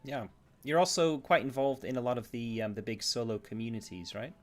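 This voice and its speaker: A man's voice: mid-range voice, steady tone, fairly quick. A man hosting a panel and moderating in a casual conversational style. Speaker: host, moderator.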